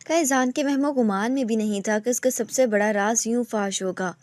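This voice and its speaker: A woman reading a romantic novel aloud in steady scripted narration. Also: fairly high pitch, no room sound, studio quality.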